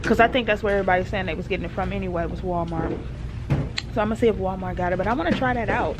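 A woman's voice: medium pitch, rapid-fire, noisy background. A woman chatting casually to her handheld camera as a family vlogger and mother, laid-back and slangy, laughing often. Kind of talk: casual vlog chat to camera. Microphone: handheld compact camera.

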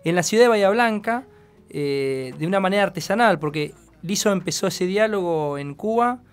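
A man's voice: sits high, animated, moderate pace, smooth. An Argentine-accented man talks as a guest in a casual radio interview, earnest and wordy, on a close studio mic. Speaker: guest musician. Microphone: close studio microphone. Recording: faint music behind.

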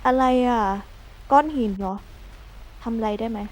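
A woman giving chatty, excitable let's-play commentary, yelping and shrieking when startled. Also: fairly high pitch, moderate pace, poor audio. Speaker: gameplay streamer.

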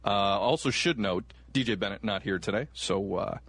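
A man's voice: on the low side, normal speed, a bit bright. A man co-hosting a sports talk show, bantering casually and joking around with his co-host. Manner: joking, swears freely, laughs a lot.

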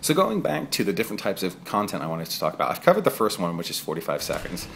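A man's voice: low voice, huge pitch swings, quick pace, vocal fry, slight background noise. A man in his thirties who grew up in England, giving casual, digressive voice-over commentary on his own gameplay. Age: 30s. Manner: conversational and digressive, chatty asides. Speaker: gaming video creator.

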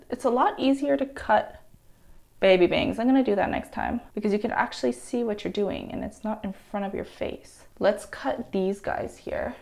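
A young woman chats to the camera in a casual vlog while she trims her own hair. Her voice sits a little high and has a gravelly edge. She talks to herself as she works and breaks into gasps and squeals of dismay. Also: darkish tone. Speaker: vlogger.

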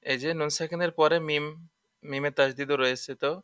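A man's voice: on the high side, steady tone, fairly quick, fairly bright tone, clear, resonant tone, no room sound, clean studio sound. A man teaching a Quran recitation lesson, spelling out letters and vowel marks one by one and repeating each rule patiently. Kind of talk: tajweed lesson explaining letter by letter.

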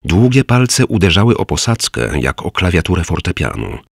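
A man narrating an audiobook in a measured, descriptive way. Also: sits low, very animated, gravelly, husky, no echo, clean studio sound.

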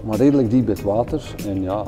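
A middle-aged man with a Flemish accent, hosting a documentary about event design in a relaxed, conversational manner. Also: lowish voice, fast talker, over music. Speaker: event designer, series host. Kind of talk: documentary interview and narration.

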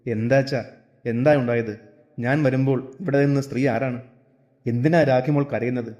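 A man's voice: medium pitch, steady tone, normal speed, warm tone, natural voice. A man voicing a concerned, earnest young son-in-law in a storybook reading, asking anxious questions.

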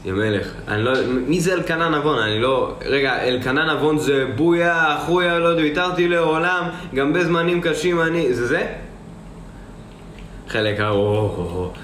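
A man's voice: medium pitch, lively intonation, fairly bright tone, roomy sound, a little hiss or hum. A young man chatting casually on a live stream, answering viewers and rambling, often repeating himself. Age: young adult. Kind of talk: casual live-stream chat, reading comments aloud.

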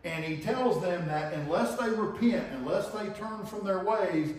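A man's voice: sits high, measured pace, far from the mic. A middle-aged man preaching a sermon in a conversational teaching manner, often checking in with his listeners. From Tennessee, US. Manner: conversational teaching, frequent "okay?" and "right?" checks. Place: church sanctuary with projector screen. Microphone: room mic from far camera. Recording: very echoey church from afar.

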